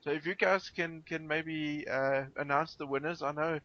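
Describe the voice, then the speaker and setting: A man's voice: on the high side, fairly even intonation, normal speed. A man hosting a casual podcast chat, polite and often repeating words as he goes. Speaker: podcast host. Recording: dull, lo-fi online call.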